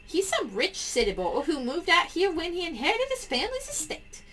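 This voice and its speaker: A woman's voice: very high-pitched, wildly swooping pitch, moderate pace, sharp tone, slight background noise, voice pushed up, full character voice. A woman voicing a folksy, motherly country doctor in a game, calling people honey and dear. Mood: exasperated.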